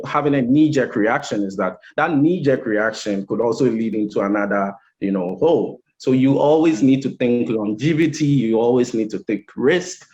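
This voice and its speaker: A man's voice: on the low side, darkish tone, lo-fi sound. A man answering questions on a panel discussion as a startup founder, thoughtful, with frequent restarts and fillers.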